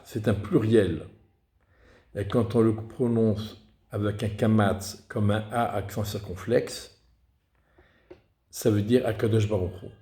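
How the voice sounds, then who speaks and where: A man explaining reading rules in a deliberate lesson, often restarting his words. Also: fairly low pitch, warm tone. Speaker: Torah reading teacher. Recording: echoey room.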